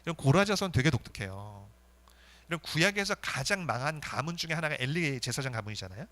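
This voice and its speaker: A male pastor preaching a sermon in an earnest way, with swings between fervent rises and soft, intense drops. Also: fairly high pitch, expressive, brisk.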